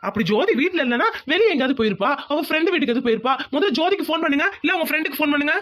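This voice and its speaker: A woman voicing a practical young village man in a cartoon, brisk and reasoning. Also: sits high, lively intonation. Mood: urgent. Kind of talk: cartoon voice acting. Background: soft music.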